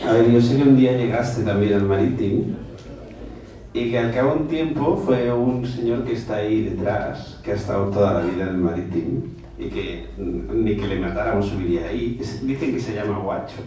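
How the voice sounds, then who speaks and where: A man's voice: on the low side, normal speed, warm tone. A man in the audience asking a long, rambling question with repeated words. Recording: very echoey hall, from far off.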